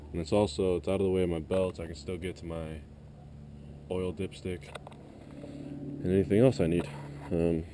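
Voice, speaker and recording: Speaking low with a dark timbre, the man demonstrates a car installation in a casual, improvised tutorial. As an amateur, he keeps his explanations plain. The action camera recording is noisy, with vehicle ambience throughout.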